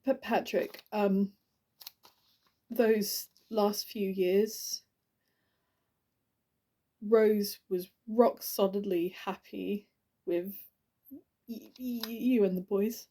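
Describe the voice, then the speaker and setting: A woman playing a halting, grieving friend at a funeral. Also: medium pitch, steady tone, warm tone. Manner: halting, stammering, many restarts. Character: grieving woman giving her friend's eulogy. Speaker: actor. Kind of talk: audition monologue.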